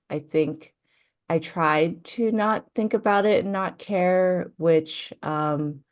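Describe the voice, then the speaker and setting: Slow-speaking low-voiced woman from Hawaii. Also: a little mellow. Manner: slow, thoughtful, with frequent fillers. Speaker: coaching client, guest. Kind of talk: interview conversation.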